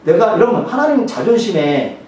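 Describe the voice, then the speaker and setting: Joking pastor in an echoey hall. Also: male voice, high-pitched, very animated, moderate pace, a little mellow, a little hiss or hum. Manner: joking, conversational, many rhetorical questions. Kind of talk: sermon. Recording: very echoey hall, mic far off.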